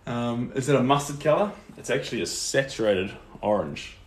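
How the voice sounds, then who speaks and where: With a medium-pitched, expressive voice at normal speed, a young Kiwi from Tauranga on the North Island chats encouragingly as he paints live. He stays easygoing and reads viewers' comments aloud from a small indoor studio. His mic is a camera or phone a few steps away, which makes the audio roomy and distant, with faint noise.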